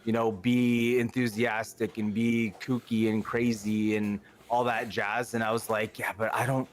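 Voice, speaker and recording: A man's voice: fairly low pitch, level tone, measured pace, a little hiss or hum. Outgoing man in his thirties. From Canada. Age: 30s. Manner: outgoing, rambling, lots of fillers. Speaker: podcast guest. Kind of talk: casual chat.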